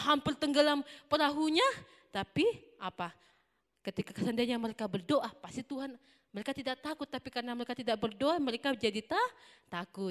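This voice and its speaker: Sunday school lady telling a bible story to kids, bit high voice, big echoey hall. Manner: animated, quizzes children with questions. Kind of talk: children's Bible lesson. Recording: long hall reverb.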